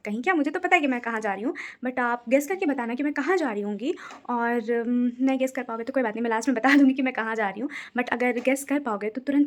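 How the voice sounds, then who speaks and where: A young woman chatting softly in a casual travel vlog from a crowded train, repeating herself often. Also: on the high side. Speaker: vlogger. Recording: loud train and traffic noise behind.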